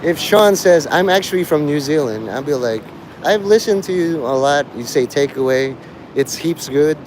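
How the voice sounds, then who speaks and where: His voice sits a little high and sounds animated, moving at a moderate pace. The man, a live streamer, gives listeners a blunt, digressive, profane monologue in poor audio, with outdoor traffic and vehicles clearly audible.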